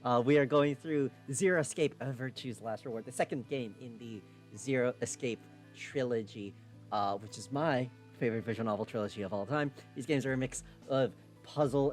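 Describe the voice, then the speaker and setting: A man hosting a live stream, chatting casually and excitably as he plays a game, now and then swearing. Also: medium pitch. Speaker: streamer and host.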